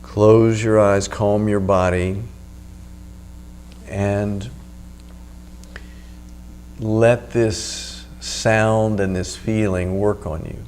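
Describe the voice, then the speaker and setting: A man giving spoken meditation instruction as the teacher, in an unhurried, instructional way with pauses. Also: on the low side, flat delivery, darkish tone. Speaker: meditation teacher and video host. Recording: noticeable background hum.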